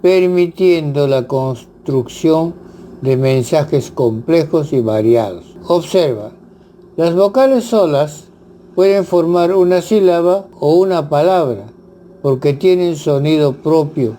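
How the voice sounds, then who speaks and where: A man teaching grammar, reading lists of example words in a measured, deliberate way. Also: on the high side, warm tone, slight background noise. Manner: measured, spells out examples one by one. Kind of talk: slow instructional reading.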